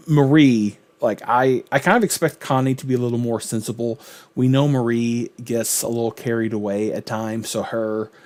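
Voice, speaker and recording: A man hosts a sitcom reaction video, offering casual commentary as he muses thoughtfully and rambles with plenty of filler. His voice is fairly low-pitched with a darkish tone.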